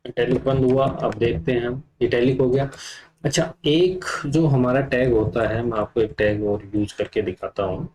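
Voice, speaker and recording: A man's voice: medium pitch, normal speed, darkish tone, rough recording. A man teaching a computer class, explaining step by step while he types, with frequent fillers. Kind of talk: live coding lesson.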